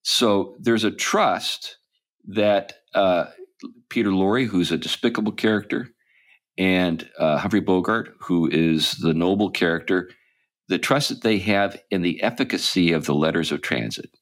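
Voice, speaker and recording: A man's voice: low voice, a little slow, a bit bright. A man hosting a podcast, talking casually and rambling with many ums and restarts. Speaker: podcast host. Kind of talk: casual chat.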